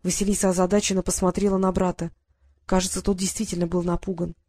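A woman narrating a children's fantasy audiobook in an even, measured reading. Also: fairly low pitch. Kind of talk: scripted fiction narration.

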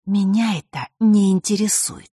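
An audiobook reader voicing a sharp-tongued young girl who answers with snide, cold retorts. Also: mid-range voice, animated, moderate pace, husky, no echo, studio quality, voice pushed up. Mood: mocking.

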